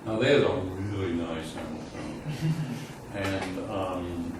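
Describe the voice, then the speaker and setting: Heard from a distance in a reverberant room, a man gives a casual university lecture with questions from students. He talks haltingly at a middle pitch but with lively intonation, reasoning out loud and candid about what he's unsure of, amid loud room noise.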